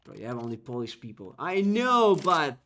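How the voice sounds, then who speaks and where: This solo esports commentator speaks English non-natively, calling the action at a rapid, excited clip with his pitch rising as plays unfold. When rounds end, he chats with viewers.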